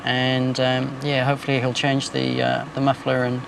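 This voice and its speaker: A man's voice: mid-range voice, completely flat delivery, normal speed, creaky. A man with a broad New Zealand accent, talking casually and matter-of-factly as a police officer on the job. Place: on the street and in a patrol car. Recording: noisy outdoor street and vehicle sound.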